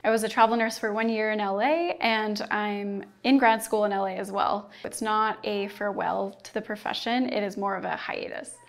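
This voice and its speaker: A woman in her twenties, a former nurse now studying, chatting in a relaxed, conversational way. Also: mid-range voice, normal speed, creaky, hardly any pauses. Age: 20s. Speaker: former nurse, physician assistant student. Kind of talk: casual panel chat. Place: indoor cafe.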